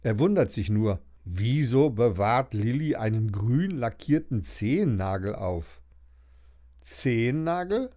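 A man narrating a children's audiobook in an expressive, storytelling manner. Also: on the low side, a little slow, few pauses.

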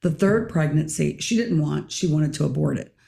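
A middle-aged woman hosting a casual podcast discussion, her raspy voice hoarse as she keeps clearing her throat. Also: sits low, normal speed, mellow, echoey room. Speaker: podcast host.

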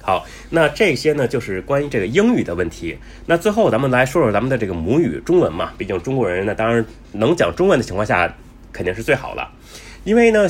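Male travel vlogger, husky, lively pitch, chatty with lots of fillers. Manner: chatty, many fillers and restarts; says he talks fast. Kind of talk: casual explanatory talk.

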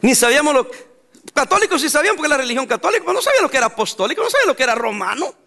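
Salvadoran pastor, man, very high voice, emphatic church sermon with bursts of laughter. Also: very animated, rapid-fire, creaky. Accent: Salvadoran Spanish. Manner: emphatic preaching, mixes laughter and sudden loud outbursts.

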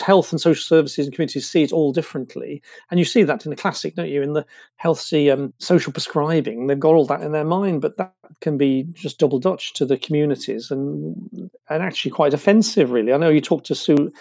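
A man's voice: a little high, steady tone, a little fast, creaky, mellow, no echo. A man explaining things conversationally in a rambling, professorial way, drifting into asides as an interview guest. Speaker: interview guest working in community social care.

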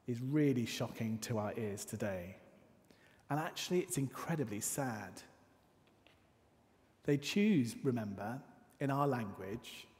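A man giving a sermon in a church, telling a personal story with dramatic pauses and hushed asides. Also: mid-range voice. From north of England. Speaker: preacher. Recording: church hall with long reverb.

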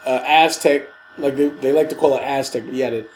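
A man's voice: medium pitch, steady tone, brisk, slight background noise, low-quality recording. A man with a stuffy nose from a cold, co-hosting a podcast in casual, slangy chat with emphatic repeated phrases. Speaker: podcast co-host.

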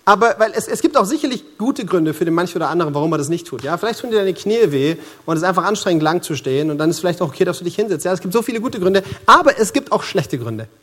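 A man with a Franconian accent preaching a sermon in a church, lively and joking as he talks straight to the congregation. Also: sits high, rapid-fire, hardly any pauses. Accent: Franconian German. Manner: lively, joking and conversational, addressing the congregation directly. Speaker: pastor.

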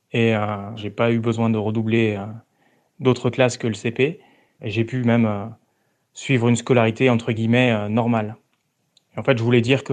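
A man's voice: mid-range voice, a little mellow. A man speaking as a radio listener in a voice message played on air, giving a personal testimony with hesitant fillers and restarts.

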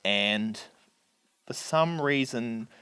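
A man's voice: medium pitch, very slow, clean tone, no echo. Man animatedly retelling a film plot. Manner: animated storyteller, acts out characters' lines.

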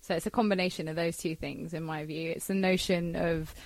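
A woman with a fairly low voice answers interview questions in a calm, articulate way. She pauses with small fillers as she lays out her ideas. The sound is dry and close. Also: dry recording. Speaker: guest writer and academic.

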